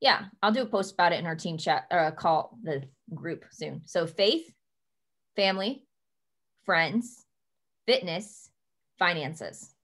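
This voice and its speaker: A young woman leading her team from a home office over a webcam, giving earnest, emphatic advice and slowing down to stress her key points. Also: lowish voice, expressive, a bit bright. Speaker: team leader. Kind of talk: motivational coaching talk.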